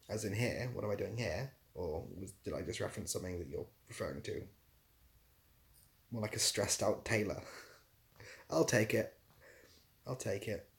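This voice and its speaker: This live streamer has a lowish, gravelly voice with a touch of mellowness. He chats loosely as he works through viewers' questions, wandering off on tangents and making jokes at his own expense.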